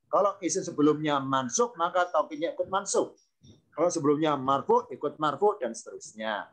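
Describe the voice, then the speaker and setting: A man's voice: a little high, lively intonation, normal speed, a bit bright. A man teaching an online grammar class, explaining patiently, repeating key terms and quizzing his students.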